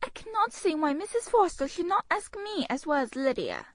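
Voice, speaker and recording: A woman's voice: very high voice, sing-song, normal speed, no room sound, pitched above the performer's own voice. A woman voicing a peevish, jealous teenage girl who whines petulantly, in an audiobook reading. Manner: whiny and petulant.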